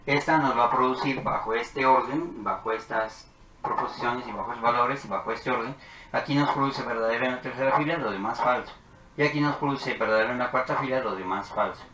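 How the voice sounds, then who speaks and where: A man's voice: mid-range voice, a little fast, bright, forceful tone. A man teaching a logic lesson, talking methodically through truth tables as he writes them out. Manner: methodical, talks while writing tables. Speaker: math teacher. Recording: echoey room with faint noise.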